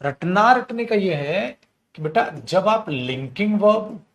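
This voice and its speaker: Speaking slowly in a high, animated voice, a man gives an online English grammar lesson while drinking tea, likely at home or in a studio. He's talkative and persuasive, blending Hindi conversation with English examples and calling learners "bhaiya" and "beta."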